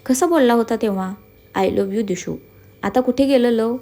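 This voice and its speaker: A woman's voice: a little high, moderate pace, mellow, natural voice. Woman as a sarcastic young heroine, grumbling, slightly raised voice. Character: feisty young woman, grumbling and sharp-tongued.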